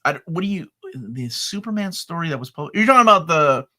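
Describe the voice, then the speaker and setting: Hosting a casual live-stream chat, a man from Peru and the United States tells stories with laughter in a light Midwestern American accent. His voice is fairly high and brisk, and he comes across as an excitable, laughing, animated storyteller.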